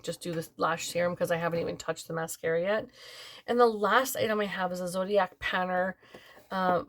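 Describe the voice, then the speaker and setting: A tired, yawning woman chatting casually as a beauty vlogger, rambling with lots of fillers. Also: mid-range voice. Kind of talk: casual product review chat.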